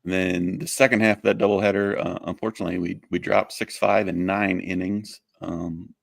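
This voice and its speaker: A man with a very low, heavily gravelly voice runs through softball scores on a podcast. His delivery is steady and matter-of-fact, and the sound is close and dry. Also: moderate pace, no room sound. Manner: steady, plain recap of game stats with fillers. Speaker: co-host. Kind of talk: casual sports podcast recap.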